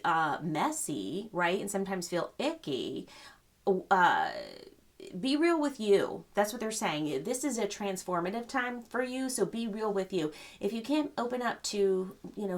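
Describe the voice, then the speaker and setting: An older woman giving a gentle, rambling spiritual card reading, full of fillers and reassurance. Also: medium pitch. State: choked up. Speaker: psychic reader.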